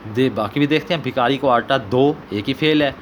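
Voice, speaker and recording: A man who teaches Urdu, speaking with a Pakistani Punjabi accent, goes through an exam paper and slowly says example sentences again. He has a medium-pitched voice, and a little hiss or hum can be heard.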